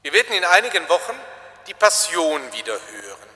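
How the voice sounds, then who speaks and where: Male preacher, reflective sermon, slow and emphatic, lively melody, long hall reverb. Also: on the high side.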